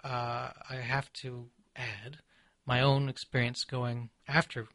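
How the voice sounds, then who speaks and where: A man from Seattle, an author and poet being interviewed, who speaks in a measured, reflective way with frequent pauses and ums. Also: mid-range voice, level tone, fairly bright tone, no echo. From Seattle, USA. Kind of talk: thoughtful conversational interview.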